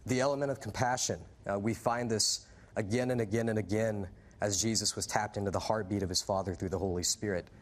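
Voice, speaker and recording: A male preacher with a lowish voice gives his testimony as a guest. He tells the story earnestly and fluently, drops in small "uh" fillers, and acts out the quoted lines from his past. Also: fairly even intonation, a little fast. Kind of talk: personal testimony in an interview.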